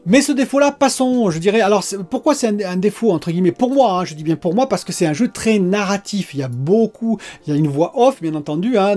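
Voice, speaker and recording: A man's voice: high voice, mellow. A middle-aged man giving a casual, chatty solo review as a gaming and tech vlogger, full of asides and fillers.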